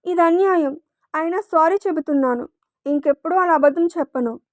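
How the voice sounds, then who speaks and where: A woman's voice: very high-pitched, brisk, dry recording, clean studio sound. A woman voicing a shy, flustered young woman in love, in a read-aloud romance story.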